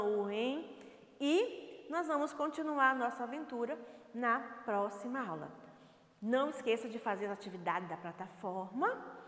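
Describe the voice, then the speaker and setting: A woman's voice: a little high, fairly bright tone. A woman from Brazil teaching a first-grade class in a remote lesson, with a sing-song, affectionate manner and playful stories about letters. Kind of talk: recorded remote lesson for young children. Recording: echoey reverberant room.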